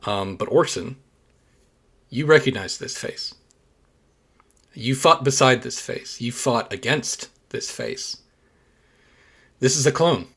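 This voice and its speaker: A man narrating as game master, with frequent hesitant pauses and fillers. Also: mid-range voice, lively intonation, vocal fry, fairly bright tone, slightly rough.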